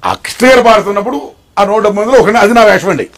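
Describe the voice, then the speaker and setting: An older man as an interview guest, telling his life story in an animated way, swinging between loud excitement and hushed tones. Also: high voice, rapid-fire.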